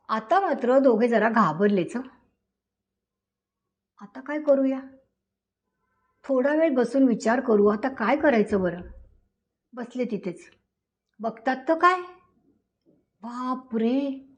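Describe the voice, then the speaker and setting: Woman storyteller, scripted dramatic narration: high voice, unhurried delivery. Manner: slow, deliberate, dramatic.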